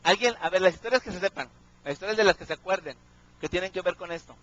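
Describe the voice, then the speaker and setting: A man's voice: high-pitched, fast talker, a bit bright, dull audio. A man preaching a sermon, often asking his congregation questions and checking in with them.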